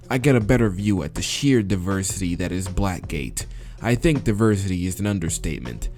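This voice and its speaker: A man with a lowish, darkish voice reads a visual novel aloud as a let's-play host, casual and crude, sometimes stumbling over words. Game music plays behind him.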